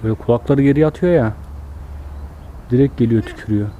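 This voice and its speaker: A man's voice: medium pitch, quick pace, highs cut off, a little hiss or hum. Chatty man coaxing zoo animals. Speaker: zoo vlogger. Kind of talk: casual narration while filming animals. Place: outdoors in a zoo enclosure.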